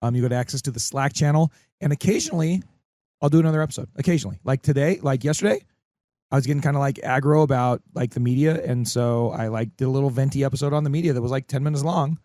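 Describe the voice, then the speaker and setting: Man, podcast host, casual rambling sports chat, warm mellow tone, dry sound. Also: mid-range voice, fairly even intonation, fast talker, no room sound. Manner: loose, rambling, frequent likes and fillers.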